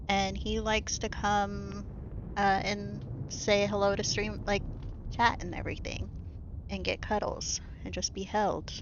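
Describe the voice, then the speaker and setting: Reading a story game aloud at home, a woman streamer with a mid-range voice talks casually and softly into a desk microphone, leaning heavily on "like" and "um" fillers. The audio is lo-fi, with noise in the background.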